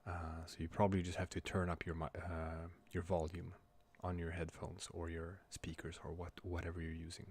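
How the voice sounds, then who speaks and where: Quiet but clear, low-voiced man. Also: completely flat delivery. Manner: quiet but clear, soft late-night talking to avoid waking a child; halting, hesitant. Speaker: livestream host. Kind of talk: casual livestream chat. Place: room at home.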